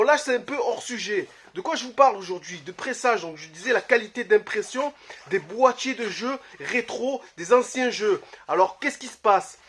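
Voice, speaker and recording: A man, casually talking to camera about his collection, blunt and quick to swear, with lots of "euh" fillers. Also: high voice, a bit bright. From Marseille, France. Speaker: retro game collector vlogger. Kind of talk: casual vlog talk to camera. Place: his home, early morning.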